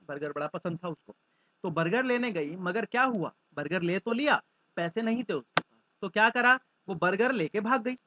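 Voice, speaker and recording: High bright guy teacher, acts out scenes, dull dry lo-fi sound. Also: no echo. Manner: lively, acts out little scenes. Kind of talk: vocabulary lesson with mnemonics.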